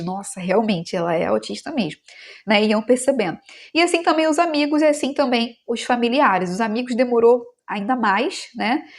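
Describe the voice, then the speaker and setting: A woman with a Brazilian Portuguese accent speaks to her viewers as a vlogging mother. Her voice sits a little high. She is chatty and sincere, with a steady stream of "né" and "sabe", and she turns gentle and slow when she offers comfort. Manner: chatty and heartfelt, many "né" and "sabe" tags; slows to a gentle devotional tone. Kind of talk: casual talk to camera.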